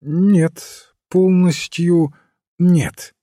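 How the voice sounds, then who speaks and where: A man voicing a mild, patient little priest detective who answers calmly and cryptically. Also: high voice, extremely slow, dry recording, clean studio sound, voice pushed up, exaggerated voice. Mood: calm, cryptic. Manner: calm, gently cryptic.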